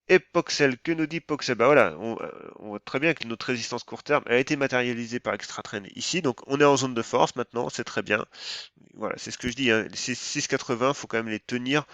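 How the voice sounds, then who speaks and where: A man's voice: medium pitch, a bit bright, dry recording. Hesitant man thinking aloud over charts. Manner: thinks aloud while reading charts, in loose, hesitant, broken phrasing. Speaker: stock market chart analyst. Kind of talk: informal technical-analysis walkthrough.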